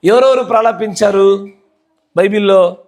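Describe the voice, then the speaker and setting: A male pastor with a Telangana Telugu accent preaches a sermon in church, his voice high-pitched, darkish, and at a moderate pace. He keeps the congregation engaged by repeatedly asking them questions and pressing them to answer yes or no.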